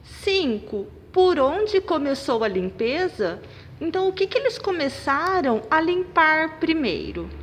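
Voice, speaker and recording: A woman, a primary school teacher taking children through a worksheet. She speaks slowly and punches out stressed syllables. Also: high voice, very animated, slight background noise. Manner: slow, clapping out syllables and stressing them loudly. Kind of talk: recorded remote lesson for children. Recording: long reverb, room echo.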